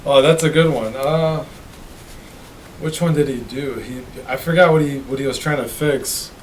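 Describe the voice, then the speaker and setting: A man's voice: medium pitch, moderate pace, slight background noise, low-quality recording. A man of about thirty co-hosting a casual podcast, laid-back and laughing readily. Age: 30s. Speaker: podcast co-host. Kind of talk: casual chat.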